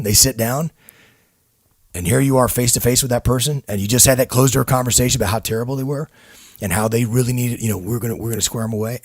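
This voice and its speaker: A man co-hosting a leadership podcast, telling stories in a relaxed way with halting restarts. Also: on the low side, slightly rough, no room sound, clean studio sound. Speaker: podcast co-host. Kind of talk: leadership discussion.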